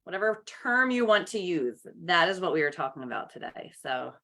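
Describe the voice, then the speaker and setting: A woman leads a casual live coaching call over a video link. Her voice sits a little low yet sounds bright and clear, and she talks in a chatty, upbeat way. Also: very animated, fairly quick. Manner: chatty, upbeat, greets viewers by name.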